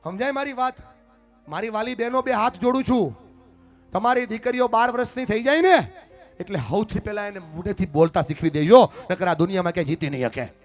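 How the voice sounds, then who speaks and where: A man giving a motivational speech to parents and pupils, dropping to a hush and then rising loud. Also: high voice, a little fast, soft background music. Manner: dramatic, swings from hushed to loud, addresses parents and pupils directly. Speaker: motivational speaker at a school event. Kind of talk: motivational speech with acted-out stories.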